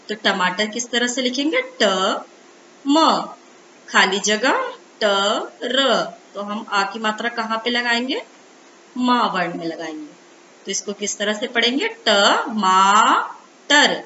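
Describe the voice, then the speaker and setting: Female teacher for a primary school Hindi lesson, bright, lively sing-song delivery, echoey room, dull lo-fi sound with faint hiss. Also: mid-range voice. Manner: slow, sing-song sounding out of letters to children.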